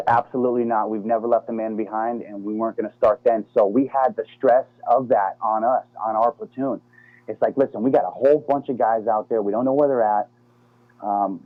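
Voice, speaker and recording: A man's voice: mid-range voice, steady tone, fairly quick, no room sound. A middle-aged American man, a former Navy SEAL guest, talking casually over the phone and calling the host "man" and "dude". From United States. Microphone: phone line. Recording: tinny phone line, dry.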